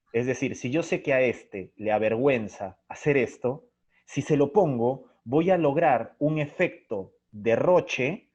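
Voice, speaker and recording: A theatre playwright and director, speaking as an interview guest, reflects aloud and works through each point in an expressive, anecdotal way. His voice is average in pitch, and the audio is muffled and lo-fi, as from an internet call.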